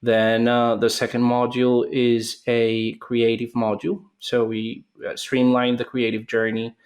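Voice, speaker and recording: A man's voice: medium pitch, monotone, measured pace, darkish tone. A man in his thirties from Colombia, a startup founder answering interview questions in a thoughtful way, with hesitations and restarts.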